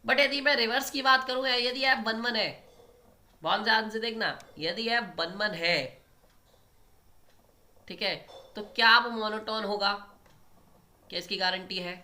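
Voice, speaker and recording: A man's voice: high-pitched, fairly even intonation, a little slow, pauses often, bright, forceful tone. A man teaching a maths lecture, explaining step by step and often checking in with his students. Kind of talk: online exam-prep lecture at a board.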